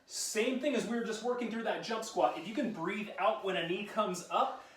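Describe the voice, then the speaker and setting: A man's voice: high-pitched, normal speed, a bit bright. A man leading a live workout class, giving upbeat, encouraging countdown cues with a joking edge. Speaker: fitness instructor. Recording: roomy sound, mic at a distance.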